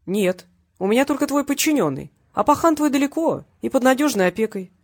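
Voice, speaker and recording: A woman's voice: sits high, very animated, brisk, dry recording, studio quality, pitched above the performer's own voice, heavily acted. A woman reading a cocky male hitman who makes threats in a genial, mocking tone, in an audiobook. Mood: taunting.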